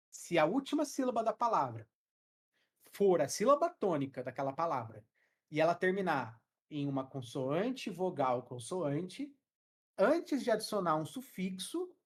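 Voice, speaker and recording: Brazilian woman teaching English grammar, husky. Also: on the low side. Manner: explains grammar rules step by step, checking in with students. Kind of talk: live online class. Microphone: headset.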